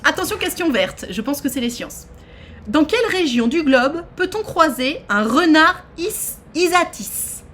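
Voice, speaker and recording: A woman, hosting a trivia quiz on a live stream and chatting with her viewers in a lively, exclamatory way. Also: high voice, unhurried, slight background noise. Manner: animated, exclaims and reads questions aloud to chat. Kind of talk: casual live-stream chat.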